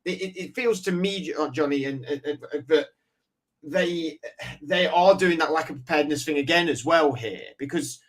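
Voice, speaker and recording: A man's voice: fairly high pitch, moderate pace. A man co-hosting a casual sports podcast, eager, listing facts with stumbling restarts. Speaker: podcast co-host.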